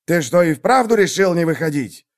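A man's voice: on the high side, animated, moderate pace, voice pushed up, natural voice. A man voicing a hungry, boastful male wolf who growls out threats, read as a storybook tale. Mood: blustering. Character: hungry, blustering male wolf, easily tricked.

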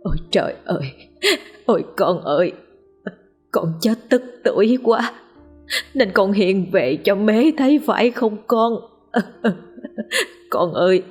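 A woman voicing a grief-crazed old village mother who wails and snarls threats, in a husky voice. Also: mid-range voice, expressive, measured pace, pauses often, a little mellow, soft background music. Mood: wailing grief. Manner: wailing, then snarling threats.

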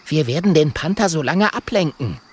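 A man's voice: fairly high pitch, animated, normal speed, husky, pitched above the performer's own voice. A man voicing a friendly, clever little male fire dragon. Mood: earnest.

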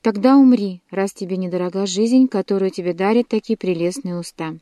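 A woman's voice: medium pitch, a little fast, warm tone, no echo, natural voice. A woman reading aloud and voicing a cruel young nobleman who mocks and threatens his victims. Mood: menacing. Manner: mocking, cold and threatening.

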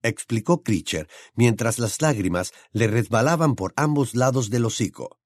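A man reading a novel aloud as an audiobook narrator, dramatic and expressive. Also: medium pitch, moderate pace, no room sound.

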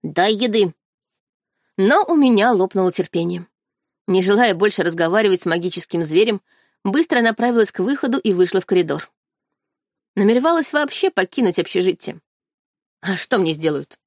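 A woman's voice: mid-range voice, no echo, studio quality. A woman reading a first-person audiobook with a wry, haughty tone. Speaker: audiobook narrator.

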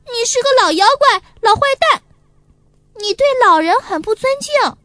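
A hot-tempered little boy bully from a children's storybook, put on by a woman reader. The voice is very high and piercing and yells whiny threats. The sound is dry and close. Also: normal speed, no room sound. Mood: angry.

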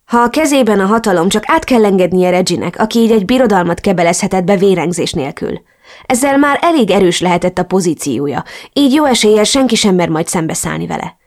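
A woman narrating a first-person romance audiobook in an expressive, emotional way. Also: medium pitch.

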